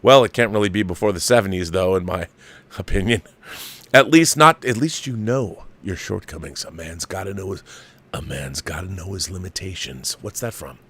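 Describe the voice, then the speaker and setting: An older man with a low, fairly bright, slightly rough voice speaks at normal speed while hosting a movie talk show. He reads viewer mail aloud and riffs on it conversationally, with strong opinions and emphasis.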